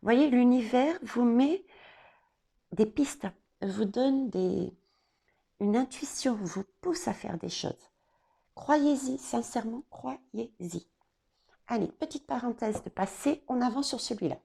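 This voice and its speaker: A woman giving an oracle card reading, talking straight to the viewer and pausing often on fillers. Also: fairly high pitch, expressive, creaky, warm tone, husky. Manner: hesitant, many fillers and restarts, addresses viewers directly. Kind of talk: casual spoken card reading.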